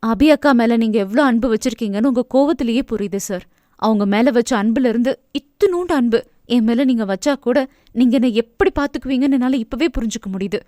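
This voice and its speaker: A shy young woman who speaks her mind politely and earnestly, as a woman reads her. Her higher voice is recorded close and dry. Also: fairly quick, warm tone, dry recording, lightly acted.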